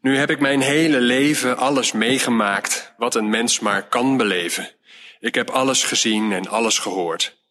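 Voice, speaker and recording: A man's voice: mid-range voice, moderate pace, a bit bright, lightly acted. A man reading a storybook aloud and voicing a blustering, demanding king in a commanding tone. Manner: commanding, imperious. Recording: long hall reverb.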